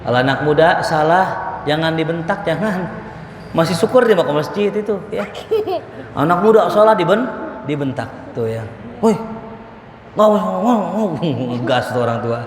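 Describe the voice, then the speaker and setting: Lively joking preacher in an echoey hall. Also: male voice, a little high, moderate pace. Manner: animated, joking, acts out little scenes. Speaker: Islamic preacher. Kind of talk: sermon. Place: mosque. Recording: echoey hall with faint ambience.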